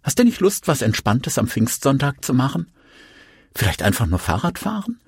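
A man putting on a pleading, uncertain woman for an audiobook, her voice lifted well above his own and swinging through a lively melody. It has a husky, breathy grain and sits close in a dry, deadened space. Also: medium pitch, normal speed, no echo, pitched above the performer's own voice, full character voice. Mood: coaxing.

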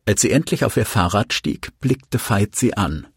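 A man narrating an audiobook in a low, husky, breathy voice, taking his time over every phrase. His intonation rises and falls with lively expression, recorded close and dry with no room sound. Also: moderate pace, no echo. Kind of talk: scripted narration.

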